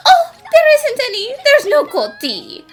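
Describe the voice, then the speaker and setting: An overacted anime dub heroine, a haughty, eager young sleuth. Her voice sits high and swings widely, every line played theatrically, with music behind it. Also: wildly swooping pitch, a little slow, heavily acted. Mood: melodramatic pleading. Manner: exaggerated, theatrical delivery. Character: eager young female detective and haughty female criminal analyst. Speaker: voice actor in a fan dub.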